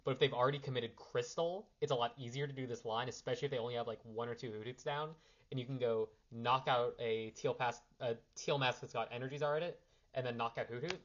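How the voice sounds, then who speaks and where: A young man, a little under the weather, speaks fast in a medium-pitched voice on a lo-fi recording. He's giving a casual, improvised card game strategy primer, rambling, correcting himself, and handling cards as he explains lines off the cuff.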